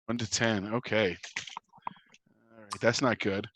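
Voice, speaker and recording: A man's voice: fairly low pitch, steady tone, measured pace, a bit bright, a little hiss or hum. A man chatting casually as a player in a tabletop game.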